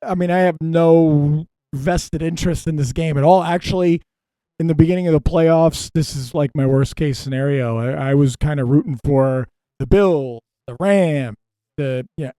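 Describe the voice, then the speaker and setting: A man co-hosting a casual podcast who rambles and hesitates, circling back with fillers. His voice sits a little high. The sound is close and dry. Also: normal speed, mellow, dry recording. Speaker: podcast co-host. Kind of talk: casual chat.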